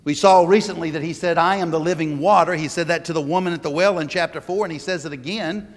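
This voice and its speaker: A man preaching a sermon with an emphatic delivery, often pausing and restarting phrases. His voice sits a little high for a man. A long reverb trails each phrase, as in a large church hall. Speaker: pastor.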